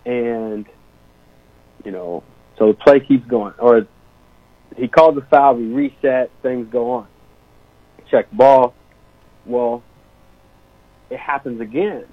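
A man's voice: mid-range voice, slow, long pauses, no room sound. A young man, an assistant basketball coach, telling stories casually in an interview, with many fillers. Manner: animated storyteller, many fillers. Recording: tinny phone-line sound.

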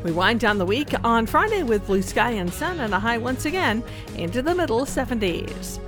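A woman's voice: a little high, big pitch swings, moderate pace. A woman meteorologist reading a scripted radio weather forecast with music behind her. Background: music bed.

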